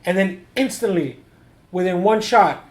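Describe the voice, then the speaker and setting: A man co-hosting a casual film review with swearing, talking in a slangy, halting way and often repeating words. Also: high-pitched. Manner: halting, slangy, heavy use of "like" and repetition.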